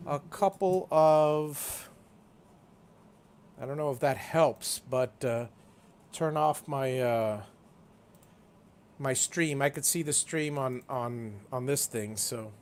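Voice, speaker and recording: A man with a somewhat high voice explains heating and cooling to a live-stream audience. He stops and restarts his sentences often. His audio comes through a glitchy call that keeps breaking up and cutting out. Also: slight background noise. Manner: halting, repeats words and restarts sentences. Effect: choppy, glitching video-call audio that cuts in and out. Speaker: livestream host explaining home heating and cooling.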